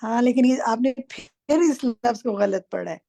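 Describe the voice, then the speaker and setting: A woman's voice: a little high, creaky, dark tone, dry recording. A woman teaching an online class. She questions her students and corrects them firmly. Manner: firm, corrects students directly. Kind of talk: interactive class quizzing students. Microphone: online class microphone.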